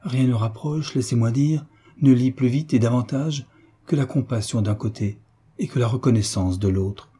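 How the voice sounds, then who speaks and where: A man's voice: mid-range voice, moderate pace, dark tone, breathy edge. A man reading an audiobook voices a timid young orphan heiress, hesitant and earnest, in a raised voice.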